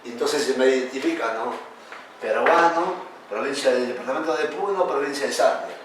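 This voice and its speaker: A man teaching a class, lively and questioning, calling his students "hijo". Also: mid-range voice, fairly quick, noisy background. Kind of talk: classroom lecture. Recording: echoey room, speaker far from the mic.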